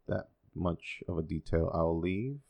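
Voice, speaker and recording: A Dominican podcast host in his forties, a native Spanish speaker, rambles through a solo episode in a deep, gravelly, mellow voice at an unhurried pace. He's self-deprecating, tossing in wry, sarcastic asides and plenty of fillers.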